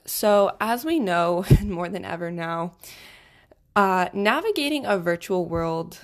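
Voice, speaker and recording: A young adult woman hosting a solo self-help podcast, giving advice in a tidy, organised way. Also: medium pitch. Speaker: podcast host.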